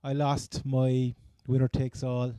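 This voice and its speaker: A man with a Cork accent chats casually about sport as a co-host. The tone is very dark and soft, mid-pitched, in a dry room. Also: completely flat delivery, takes it slowly, clean tone, no room sound. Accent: Cork Irish. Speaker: fantasy football podcast host.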